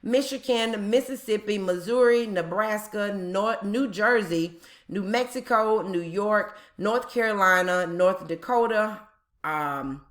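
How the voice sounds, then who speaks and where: A woman's voice: mid-range voice, a bit bright. A woman hosting a job-tips video, explaining in a casual, chatty way with frequent ums and repeated points. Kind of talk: casual explainer talk to viewers.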